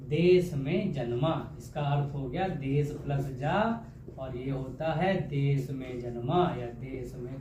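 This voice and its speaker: A man's voice: medium pitch, warm tone, reverberant, slight background noise. A man teaching a grammar lesson for exam preparation. He keeps asking questions and repeating the answers, with homely jokes along the way. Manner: joking, homely teacher talk.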